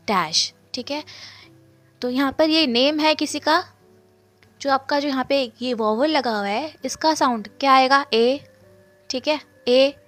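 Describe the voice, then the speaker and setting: A woman's voice: high-pitched, a bit bright. A woman teaching shorthand step by step, repeating each sound and asking and answering her own questions. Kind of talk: step-by-step lesson explanation.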